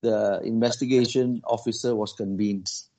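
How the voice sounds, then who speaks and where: In casual group conversation, a man tells a story haltingly, often restarting phrases and using "you know" and "lah." His voice is fairly low, steady, and mellow.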